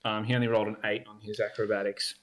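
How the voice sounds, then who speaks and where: A man's voice: fairly low pitch, flat delivery, very fast. A young man narrating as dungeon master, hesitant with many ums and likes. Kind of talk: narrating a tabletop game.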